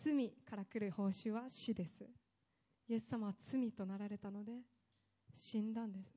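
A woman's voice: mid-range voice, fairly even intonation, moderate pace, dark tone, lo-fi sound. A woman preaching a sermon with impassioned delivery, building up long emphatic lists.

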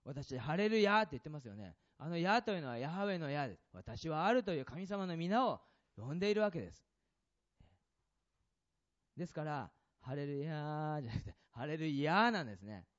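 A pastor preaches a sermon, putting questions to the congregation and swinging between loud and soft passages. His voice runs on the high side, sing-song and brisk, and the sound is lo-fi.

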